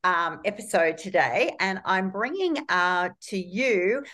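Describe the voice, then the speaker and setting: A woman's voice: mid-range voice, lively intonation, slow pace, a bit bright. A woman hosting a video call interview, asking friendly, upbeat questions. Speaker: host. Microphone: video call webcam.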